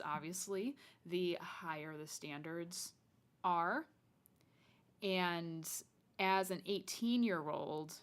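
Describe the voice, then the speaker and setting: Unhurried, lower-pitched young woman podcaster. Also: clear, resonant tone. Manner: casual, chatty, addresses the listener directly. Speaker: podcast host. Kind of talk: conversational solo podcast monologue.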